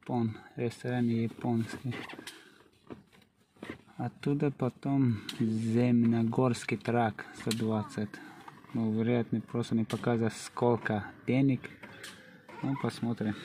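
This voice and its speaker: Slow-paced man, noisy recording. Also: mid-range voice, level tone, dark tone. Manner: short, clipped phrases. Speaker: delivery courier vlogger. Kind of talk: casual running commentary while working.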